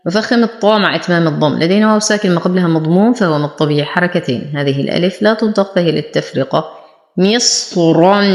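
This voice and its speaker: A woman teaching Quran recitation rules, explaining each letter and then reciting the words slowly and drawn out. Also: lowish voice, roomy sound. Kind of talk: slow tajweed lesson with drawn-out recitation.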